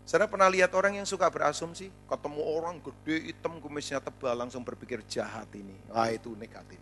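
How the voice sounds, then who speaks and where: A man pastor preaching a sermon, telling funny stories in an animated way. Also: on the high side, fast talker, slight background noise. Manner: animated storytelling with jokes.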